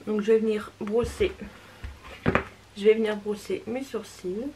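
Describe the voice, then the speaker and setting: A woman's voice: mid-range voice, little pitch movement, measured pace, very noisy. A young woman chatting casually as she tests makeup and reviews it, hesitant and reassuring. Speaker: beauty vlogger.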